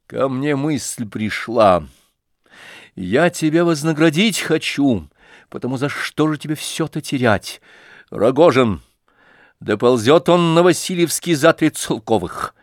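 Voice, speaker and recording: A male audiobook reader voicing a proud, reckless young woman who mocks and commands, now and then breaking into shouts. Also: medium pitch, dry recording, clean studio sound, natural voice. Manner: imperious, mocking, flaring into shouts. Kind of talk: audiobook character reading.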